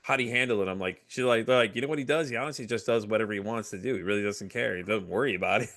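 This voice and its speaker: A middle-aged man talking candidly as a podcast guest, animated, with frequent fillers and voices for people he quotes. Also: on the low side, rapid-fire. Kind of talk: candid conversational storytelling.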